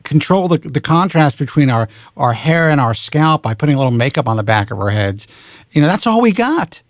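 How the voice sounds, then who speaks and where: A man's voice: on the high side, big pitch swings, a little fast, no room sound, studio quality. A man in his forties hosting a radio talk show, talking frankly and bluntly and swearing casually. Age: 40s.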